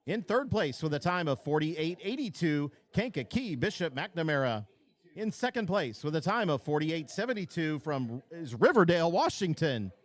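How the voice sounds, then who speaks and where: Lively man announcing medal winners. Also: a little high. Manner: slow, drawn-out name calls. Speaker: meet announcer. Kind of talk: PA awards announcing. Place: outdoor track meet.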